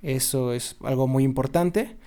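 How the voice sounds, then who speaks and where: A man's voice: medium pitch, a little slow, smooth. A man, chatting casually and jokily as a podcast co-host. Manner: lively, jokey, slangy. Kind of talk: casual chat.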